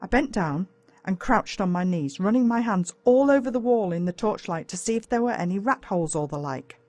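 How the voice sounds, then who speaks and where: Speaking a little fast, an Australian woman gives an animated, suspenseful reading of a first-person children's tale from a script, as an audiobook narrator would. Her voice is medium-pitched with a darkish tone. There's no room sound at all.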